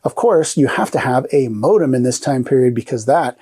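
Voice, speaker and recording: Fairly quick and lively in intonation, this medium-pitched voice has a dark tone and a breathy edge. It belongs to a man in his forties hosting a casual retro computer show, chatty, upbeat, full of loose fillers, and slightly nasal and congested from recent illness.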